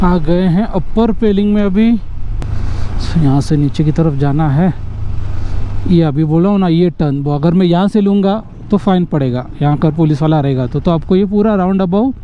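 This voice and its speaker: A man's voice: a little high, highs cut off, a little hiss or hum. A man from Mumbai narrating a motorcycle ride vlog in a chatty, casual way, talking straight to his viewers. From Mumbai, India. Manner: chatty, addresses viewers as bhai. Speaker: motorcycle vlogger. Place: riding a motorbike on mountain roads outdoors.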